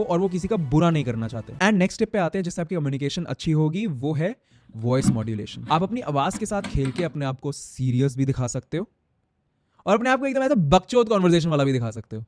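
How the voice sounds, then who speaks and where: A young man giving casual, slangy self-improvement advice to camera, swinging his pitch up and down. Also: darkish tone, no room sound, studio quality.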